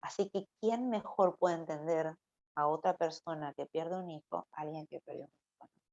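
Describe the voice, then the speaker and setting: Low-voiced woman giving a chatty sermon. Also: normal speed, darkish tone. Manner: conversational, ends phrases with a questioning "¿no?". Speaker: church youth preacher. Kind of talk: informal Bible teaching sermon. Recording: dull lo-fi recording.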